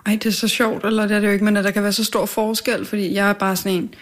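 A woman's voice: medium pitch, little pitch movement. Candid Danish-speaking woman, open and emotional. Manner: candid, emotional, fast storytelling. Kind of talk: casual chat.

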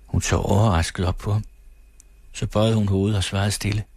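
A man reads a novel aloud on the radio, calm and deliberate. His low voice has a husky grain, and the recording is dry and close with no room sound. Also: dry recording.

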